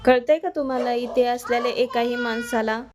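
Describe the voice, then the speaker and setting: A woman's voice: a little high, steady tone, normal speed, noisy background, lightly acted. Woman reading as a bitter, defiant young bride. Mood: angry. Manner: reproachful, sharp questions.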